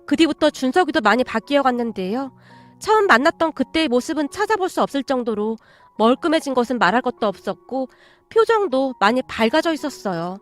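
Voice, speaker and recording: A woman narrating a radio story in a gentle storytelling manner, telling it as a male teacher in the first person. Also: sits high, big pitch swings, brisk. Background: faint music.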